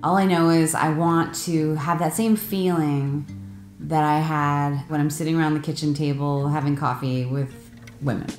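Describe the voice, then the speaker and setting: Chatty low-voiced woman in interview. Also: fairly even intonation, normal speed, a little mellow. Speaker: book contributor. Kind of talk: casual interview talk. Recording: roomy with faint music.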